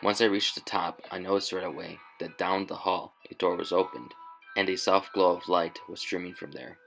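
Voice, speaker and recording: A man narrating a scripted first-person horror story in a measured, tense way. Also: low voice, flat delivery, creaky, a bit bright, faint music behind, poor audio.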